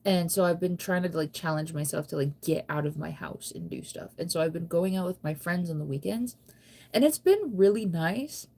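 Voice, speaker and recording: Fairly low in pitch and dark in tone, her voice is expressive and moves at a normal speed. This American woman in her thirties streams live late at night, casually reading and answering viewer comments. She's rambling and conversational, with a playful, self-teasing manner.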